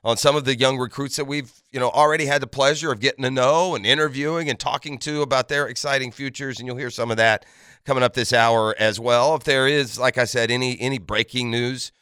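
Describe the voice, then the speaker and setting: A man's voice: medium pitch, steady tone, brisk, sharp tone, clear, resonant tone, dry recording, studio quality. A man hosting a morning sports radio show, talking in an earnest, emphatic, conversational way straight to his listeners. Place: radio studio. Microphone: close studio microphone.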